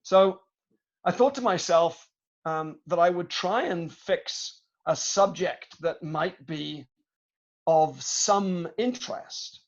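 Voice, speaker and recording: A middle-aged British man giving a storytelling talk to students over a video call, measured and reflective, with frequent hesitations. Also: high voice, lo-fi sound. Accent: British English. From Britain. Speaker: guest speaker, tech executive.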